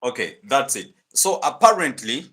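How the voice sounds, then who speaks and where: A man hosting an interview, asking his questions hesitantly with many pauses and restarts. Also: medium pitch, big pitch swings, bright, forceful tone. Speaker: interviewer, host. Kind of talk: interview, mixing English and Luganda.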